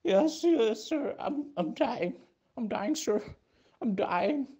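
A man voicing a wounded, dying cowboy in a comic cartoon, halting and repeating himself. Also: very high-pitched, expressive, warm tone, slightly rough, exaggerated voice. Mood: wounded, pleading. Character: small timid high-voiced cowboy, wounded and dying.

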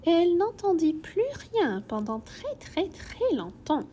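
A woman reading a children's storybook aloud in a gentle, expressive way. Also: very high voice, measured pace, a little hiss or hum.

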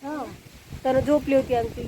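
High-voiced village woman chatting outdoors. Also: fairly even intonation, normal speed, noisy background. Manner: chatty, showing things to viewers. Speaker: vlogger. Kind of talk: casual village vlog.

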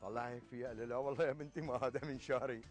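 Older Syrian man played by an actor, sixties, patient village storyteller in a TV sketch, spinning an Arabic folk tale at a fast clip. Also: medium pitch, steady tone, soft background music, natural voice. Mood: storytelling. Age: 60s. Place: outdoors in a leafy garden.

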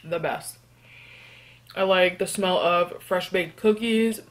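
A young woman from New York doing a casual eating vlog. She answers tag questions and hums between bites in a relaxed, chatty way. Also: lowish voice, slow. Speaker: mukbang vlogger.

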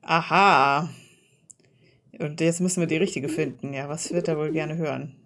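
A woman's voice: low voice, fairly even intonation, normal speed, fairly bright tone, a little hiss or hum. A woman hosting a let's play, chatting playfully while she plays through the game. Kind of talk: casual gameplay commentary. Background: game music.

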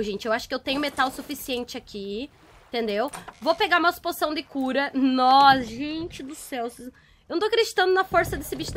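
Brazilian woman gamer, very high voice, lively pitch, excitable live commentary. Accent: Brazilian Portuguese. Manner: excitable, exclaiming and laughing in despair. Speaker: gaming YouTuber.

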